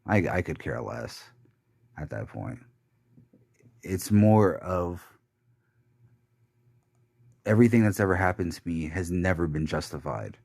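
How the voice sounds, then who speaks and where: Deep, darkish, creaky and slightly rough, yet expressive, a young man's voice fills a studio-quality recording with no echo. He's doing a bitter, rambling confessional podcast monologue, swearing often and halting through many restarts and fillers.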